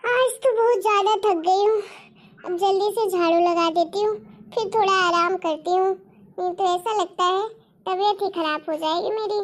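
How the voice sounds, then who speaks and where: A woman voicing a patient, soft-spoken young bride in a cartoon story. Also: extremely high pitch, fairly even intonation, moderate pace. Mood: tired.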